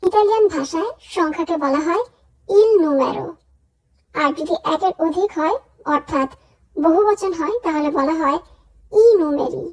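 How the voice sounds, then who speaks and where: A woman's voice: very high-pitched, darkish tone. A woman teaching pronunciation in a lesson, speaking carefully and repeating each word for practice. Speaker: language teacher.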